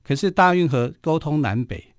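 A man's voice: fairly high pitch, expressive, normal speed, dry recording. A man with a Taiwanese Mandarin accent hosting a radio history show, telling stories casually with many filler particles, recorded in a studio. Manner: chatty, frequent filler particles.

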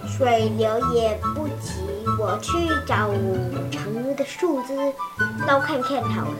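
A woman voicing a cheerful young monkey child in a soft, sweet, childlike voice. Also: on the high side, unhurried, lightly acted. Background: music.

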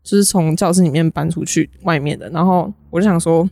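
A young woman with a Taiwanese Mandarin accent, a podcast guest telling stories in a rapid, giggly, chatty way. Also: lowish voice, creaky, dark tone, no echo, clean studio sound. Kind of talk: casual storytelling chat.

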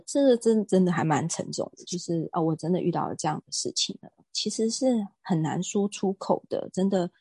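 Woman guest, emphatic storyteller, breathy and close, dry room. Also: fairly low pitch, a little mellow, no echo. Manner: earnest, emphatic storytelling with hesitations. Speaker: guest speaker on sexual assault prevention. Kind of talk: casual conversational interview.

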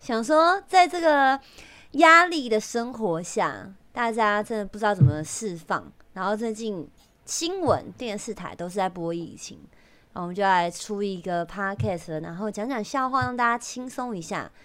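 A woman hosting a podcast, telling jokes in casual chat, chatty and quick to laugh. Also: mid-range voice, animated, fairly bright tone. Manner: chatty, laughs often, earnest. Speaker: podcast host. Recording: remote recording, limited quality.

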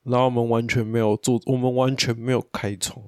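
A man with a Taiwanese Mandarin accent, co-hosting a casual podcast, excitable and swearing freely. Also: medium pitch, fast, dry recording, clean studio sound. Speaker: podcast co-host. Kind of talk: casual chat.

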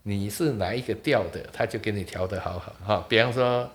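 A man, a guest explaining in casual conversation, animated and laughing often. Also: on the low side, brisk. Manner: animated, asks rhetorical questions, laughs often.

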